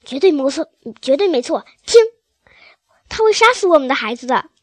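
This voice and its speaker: A woman voicing a tender, worried mother fox in a storybook reading, speaking gently and soothingly. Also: sits high, animated, normal speed, no room sound, studio quality.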